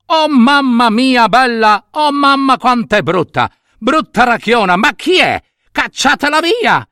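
A bratty young fairy-tale prince, as a male storyteller puts him on, in a high, whiny, rude voice. He sounds loud and demanding, repeating himself in a nagging singsong. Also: wildly swooping pitch, slow pace, no room sound, studio quality, heavily acted. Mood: scornful.

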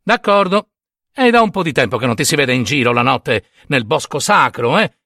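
Brief: taunting, sly young male sun god, lively swooping delivery, put on by a male storyteller, dry close sound. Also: mid-range voice, normal speed, dry recording. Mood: sly teasing. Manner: teasing, gloating.

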